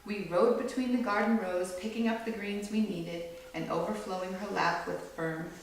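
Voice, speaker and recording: With a steady tone and moderate pace, a woman expressively reads a children's story aloud, her voice a little creaky; low-to-average pitch isn't needed. She's recorded at a distance in a strongly echoing room, faint noise behind her.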